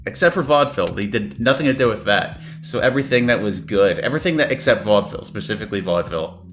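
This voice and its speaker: A man's voice: on the low side, animated, quick pace, fairly bright tone, a little hiss or hum. A man commentating casually on a video game as he plays it. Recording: faint game music behind.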